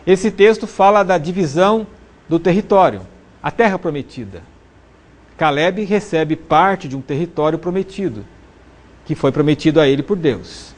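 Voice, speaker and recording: A man giving a sermon, reading scripture and then teaching in a steady, earnest way. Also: high voice. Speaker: preacher.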